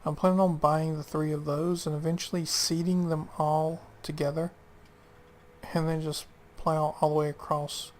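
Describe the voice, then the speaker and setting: A man's voice: a little high, little pitch movement, moderate pace, a little hiss or hum. A man casually talking through his gameplay, muttering to himself and often dropping to a near whisper. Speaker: gaming channel host.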